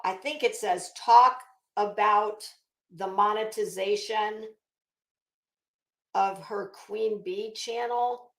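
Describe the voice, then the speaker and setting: A woman with a medium-pitched voice and vocal fry, recorded in a roomy space, hosts a channel where she reads a legal document aloud. Her commentary on it is casual and rambling, delivered in a blunt, sarcastic, sweary manner.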